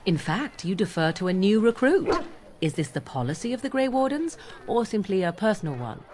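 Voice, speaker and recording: A woman's voice: mid-range voice, sing-song, a little fast, a little mellow, slight background noise, lightly acted. An actress playing an aloof, sardonic young witch and shapechanger, speaking in haughty, formal, archaic phrasing in video game dialogue. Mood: probing.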